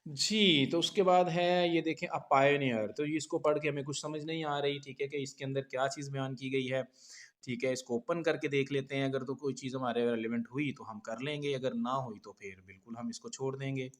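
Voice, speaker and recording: A man teaching an exam-prep lesson, explaining steadily and reading English headlines slowly, with frequent "theek hai" checks. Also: mid-range voice, steady tone.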